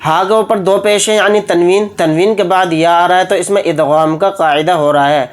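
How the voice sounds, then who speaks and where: A man teaching a tajweed lesson, explaining each rule briskly step by step. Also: high-pitched, steady tone. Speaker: Quran recitation teacher.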